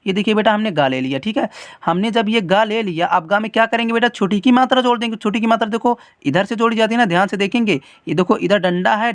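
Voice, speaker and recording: A teacher hosting a children's writing lesson, patient and repetitive, calling the viewer "beta" and dragging out letter sounds slowly. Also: medium pitch, no echo, clean studio sound. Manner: drags out letter sounds slowly when demonstrating. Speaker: teacher and channel host.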